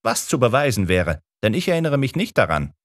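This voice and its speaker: A man's voice: mid-range voice, big pitch swings, a little fast, voice pushed up. A man voicing a bony, prickly older male scientist who speaks indignantly in an audiobook. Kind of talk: audiobook character reading.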